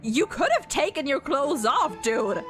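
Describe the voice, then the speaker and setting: Stammering, high-voiced woman game streamer. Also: big pitch swings, unhurried, fairly bright tone, soft background music. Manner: stammering, repeats words. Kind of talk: casual live game commentary.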